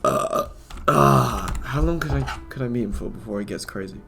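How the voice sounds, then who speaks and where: A man's voice: on the low side, very animated, normal speed, sharp tone, slight background noise. A man animating at his computer, talking to himself in a rambling, fretful way with many restarts. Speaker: animator and video creator. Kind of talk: casual self-talk while working.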